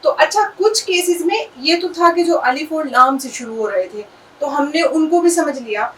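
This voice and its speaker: A woman's voice: sits high, expressive, fairly bright tone, far from the mic, slight background noise, rough recording. A woman teaching Urdu at a whiteboard, patiently repeating and spelling out words for her students. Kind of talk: explaining at a whiteboard.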